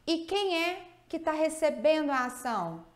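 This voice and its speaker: A woman teaching English grammar in an online video lesson, speaking with a Brazilian Portuguese accent. Her voice sits a little high, and she keeps the pace lively. She often turns to the viewer with a question as she explains. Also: unhurried.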